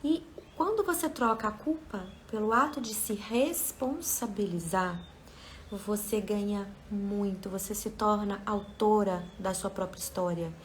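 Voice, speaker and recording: A woman's voice: mid-range voice, measured pace, slight background noise. A woman giving a motivational self-help talk as a coach, speaking conversationally and often checking in with her listeners.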